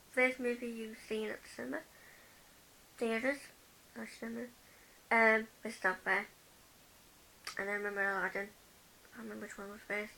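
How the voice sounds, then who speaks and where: A young woman from the UK chats through a vlog tag, reading each question aloud before answering with a personal story. Her voice is bright and a little high, with a gravelly edge. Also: slight background noise, rough recording. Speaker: vlogger.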